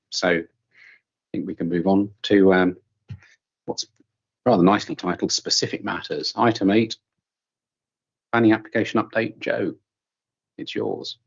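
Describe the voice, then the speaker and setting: A man chairs a formal meeting in a deep voice. It is husky and full of fry. The audio is somewhat dull. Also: normal speed, pauses often.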